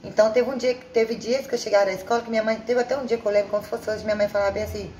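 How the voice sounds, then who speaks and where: A woman's voice: on the high side, steady tone, rapid-fire, darkish tone. A woman from Bahia, Brazil, chatting casually about her own life, rambling and restarting her sentences as she goes. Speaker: vlogger. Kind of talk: casual personal storytelling. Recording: echoey room with faint ambient noise.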